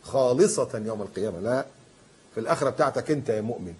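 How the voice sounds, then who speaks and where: Animated husky Egyptian preacher. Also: male voice, medium pitch, very fast. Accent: Egyptian Arabic. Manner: animated, switching between quiet asides and loud recited verses. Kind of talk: sermon.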